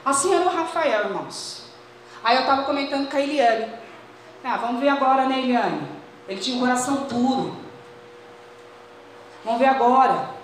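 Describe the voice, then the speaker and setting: In a very echoey church hall with faint background noise, a Brazilian woman delivers a fervent sermon, calling her congregation brothers. She speaks in a high, expressive voice at normal speed, pausing often, with a Brazilian Portuguese accent.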